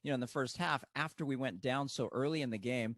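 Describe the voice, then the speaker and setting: A man's voice: mid-range voice, fast talker, dry recording. A man who is a pastor and coach, a podcast guest talking animatedly about a sports game. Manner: animated, storytelling. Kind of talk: casual sports chat.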